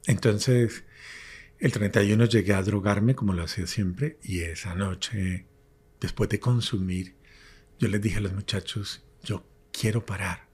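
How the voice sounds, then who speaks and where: A priest, an older man, earnestly telling his life testimony in an interview and dropping to a hush when recalling his prayers. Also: on the low side, steady tone, measured pace, slightly rough. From Colombia. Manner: earnest storyteller, drops to hushed whispers when recalling prayers.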